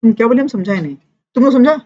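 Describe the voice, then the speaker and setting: A woman teacher giving a lively classroom lecture, mixing Hindi and English and checking in with students constantly. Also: a little high, very fast. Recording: dull lo-fi classroom recording.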